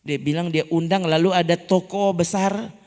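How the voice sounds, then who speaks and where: A woman pastor with a Manado accent telling a story in a sermon, her voice jumping up high and loud at key moments. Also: moderate pace. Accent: Manado Malay. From North Sulawesi, Indonesia. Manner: lively storytelling with sudden rises in pitch and loudness. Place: church hall. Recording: long hall reverb in a church.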